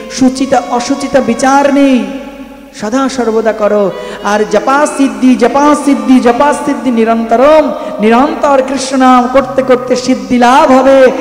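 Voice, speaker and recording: A male preacher voicing a compassionate saintly teacher who proclaims to all the world, in an exhorting manner, inside a sermon. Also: extremely high pitch. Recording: echoey hall with music behind.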